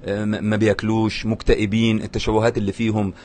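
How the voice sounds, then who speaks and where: A man with an Egyptian Arabic accent, a reporter asking gentle, probing questions in a news interview. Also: lowish voice, flat delivery, very fast.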